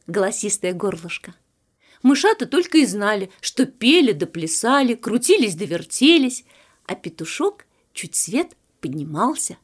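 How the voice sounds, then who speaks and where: A woman narrating a children's fairy tale in an expressive, sing-song way. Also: medium pitch. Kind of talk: storybook reading for children.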